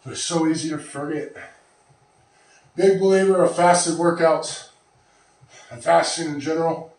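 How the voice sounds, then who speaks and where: A man's voice: a little high, measured pace, a little mellow. A man in his thirties, out of breath after lifting, rambling casually to the camera in a small home gym. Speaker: fitness vlogger. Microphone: far camera. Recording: very echoey room, from far off.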